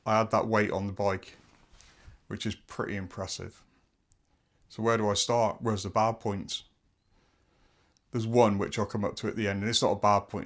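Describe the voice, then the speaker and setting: A man's voice: lowish voice, no room sound, clean studio sound. A man giving a chatty, enthusiastic bike review outdoors, rambling a little as he talks. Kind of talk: casual video review.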